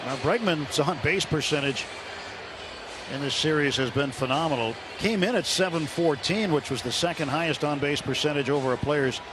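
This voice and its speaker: A somewhat high-voiced man at a moderate pace delivers live baseball play-by-play on radio from a stadium broadcast booth. His calls are clipped and in present tense, heard over loud ballpark ambience in a noisy broadcast.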